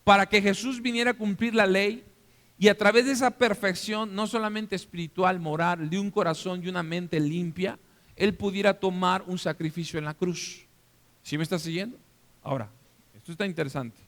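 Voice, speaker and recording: A man with a Mexican accent preaching a sermon as pastor, animated and interactive, often checking that the congregation is following. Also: high-pitched, normal speed. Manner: animated, acts out scenes for the listeners. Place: church hall. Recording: long reverb of a church hall.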